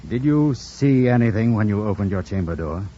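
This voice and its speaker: Deep-voiced, brooding Mister Rochester. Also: male voice, expressive, normal speed, dark tone. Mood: brusque. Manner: formal, theatrical, commanding phrasing. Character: brooding, gruff gentleman master of the house. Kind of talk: 1940s radio drama acting. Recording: dull old radio recording, faint noise.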